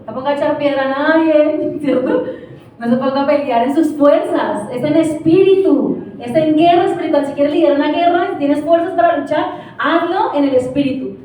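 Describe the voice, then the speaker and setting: A woman's voice: sits high, warm tone, heavy reverb, far from the mic, a little hiss or hum, rough recording. A woman pastor preaching a passionate sermon, asking the congregation questions. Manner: impassioned, asks the congregation questions. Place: church.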